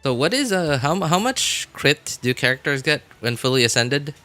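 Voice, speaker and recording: Over soft background music, a very animated man with a fairly high, sharp voice talks at a moderate pace. He's streaming a video game, chatting informally and easily with his audience while muttering asides to himself.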